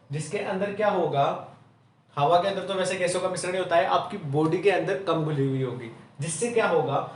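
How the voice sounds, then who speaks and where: A man's voice: fairly high pitch, slight background noise. Man teaching chemistry, echoey room. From Rajasthan, India. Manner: keeps asking the class rhetorical questions and answers them himself; says "theek hai" after nearly every point. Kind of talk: classroom lecture. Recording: roomy echo, mic at a distance.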